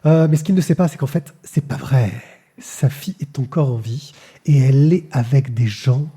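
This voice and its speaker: In this live-streamed podcast, a male host reviews comics in a casual way, leaning on fillers and repeating words. His voice sits in the mid range, warm and slightly rough, moving at a moderate pace.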